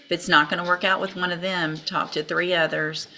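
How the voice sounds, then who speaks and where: Low-voiced woman judge giving firm instructions. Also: flat delivery, fairly quick, bright, forceful tone, faint music behind. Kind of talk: courtroom proceedings. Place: courtroom. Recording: hissy courtroom recording.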